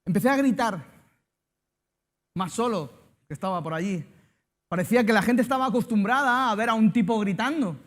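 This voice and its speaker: A man's voice: sits high, a little fast, long pauses. A man from Spain with a Spanish accent, a pastor preaching a sermon and telling a personal story with jokes and banter aimed at the congregation.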